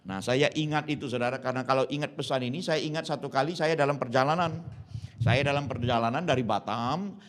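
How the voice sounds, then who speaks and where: Lively storytelling pastor, man in his fifties. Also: medium pitch, a little fast. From Indonesia (Jambi, Sumatra). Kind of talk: storytelling sermon.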